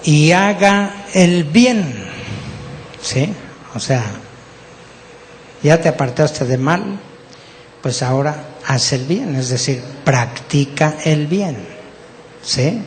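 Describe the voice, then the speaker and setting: A man's voice: fairly high pitch, expressive, takes it slowly, long pauses, in a large hall, slight background noise. A Mexican man preaching a sermon to his congregation, teaching patiently and often checking that his listeners follow along. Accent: Mexican Spanish. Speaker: pastor. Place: church hall.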